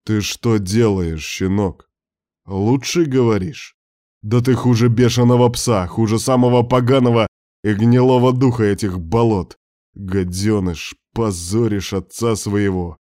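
Guy voicing stern older man in an audiobook, harsh scolding, lowish voice, dry close mic. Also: fairly even intonation, measured pace, warm tone, no echo, lightly acted. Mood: angry scolding. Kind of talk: audiobook character reading.

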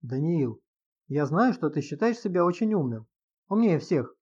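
A man voicing a cold, detached wife who speaks in a flat, lifeless tone in an audiobook reading. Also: fairly high pitch, normal speed, breathy edge, muffled recording.

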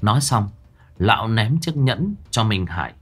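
Husky, lively male storyteller. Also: on the low side, normal speed, faint music behind. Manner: dramatic, expressive. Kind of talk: scripted narration.

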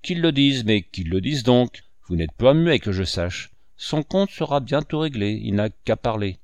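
A man voicing a scheming old pirate captain who talks in a gruff, commanding and threatening way, for a read-aloud novel. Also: medium pitch, expressive, normal speed, no echo, natural voice.

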